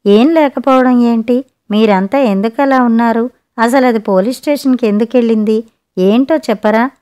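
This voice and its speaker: Fretful old mom pleading, slow and shaky, woman reading it. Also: on the high side, warm tone, smooth, lightly acted. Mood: anxious. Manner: pleading, anxious. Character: anxious elderly mother-in-law, fretful and pleading.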